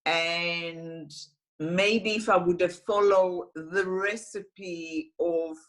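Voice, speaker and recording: A woman in her forties with an Israeli accent, a singer-songwriter talking slowly and thoughtfully on a video call interview. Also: fairly low pitch, fairly even intonation. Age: 40s. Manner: slow and thoughtful, with frequent restarts and laughs. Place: small room at home, indoors.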